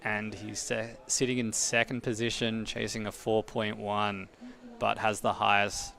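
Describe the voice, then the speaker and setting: A man's voice: fairly low pitch, flat delivery, a little slow, gravelly, a bit bright. A man giving live analysis as co-commentator at a surfing contest.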